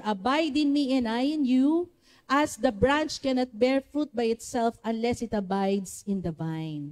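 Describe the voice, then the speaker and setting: A woman with a Filipino accent preaching a sermon to a church congregation, with a naturally loud voice, often calling on the congregation to respond. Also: fairly high pitch. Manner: switches between Tagalog and English, asks the congregation for responses.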